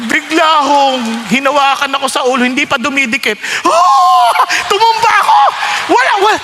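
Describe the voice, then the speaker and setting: A man with a Filipino accent preaches a sermon, sharing a personal testimony through animated storytelling that mixes Tagalog and English. His voice is very high-pitched, and there is background noise.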